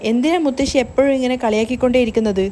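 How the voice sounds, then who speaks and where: A scheming young woman who gives orders in a sharp, commanding way, as a woman narrator reads her, her voice fairly high, with faint background hiss under the story recap. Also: steady tone, rapid-fire, natural voice. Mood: bossy.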